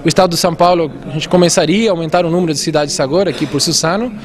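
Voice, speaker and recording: A man's voice: fairly high pitch, rapid-fire. A man raised in Argentina, explaining civic oversight earnestly as an interview guest. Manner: earnest, explanatory, with many restarts and fillers. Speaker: civic watchdog representative. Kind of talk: interview answers.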